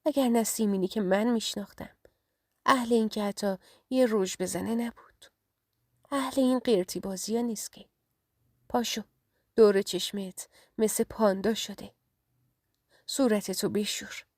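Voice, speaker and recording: A woman's voice: mid-range voice, long pauses, darkish tone, no room sound, studio quality, lightly acted. Woman voicing a lovesick young man. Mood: tender. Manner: tender, pleading.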